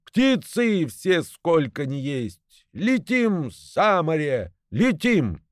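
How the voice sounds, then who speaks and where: A man voicing a bossy, angry male gander who hisses and shouts orders, in a storybook reading. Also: a little high, huge pitch swings, extremely slow, no echo, studio quality, voice pushed up, full character voice. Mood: shouting. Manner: hissing, shouting commands.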